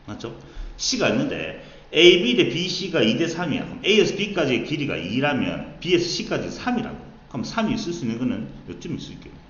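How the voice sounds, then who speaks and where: A man tutoring math at a board, explaining each step slowly and checking often whether students follow. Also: fairly high pitch, very animated, a bit bright, reverberant, highs cut off. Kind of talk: whiteboard math lesson.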